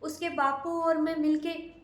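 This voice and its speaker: A woman's voice: sits high, little pitch movement, a little slow. A woman playing a poor, humble housemaid who speaks deferentially to her employer in a home-made short drama. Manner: deferential, addresses employer politely. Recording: echoey room.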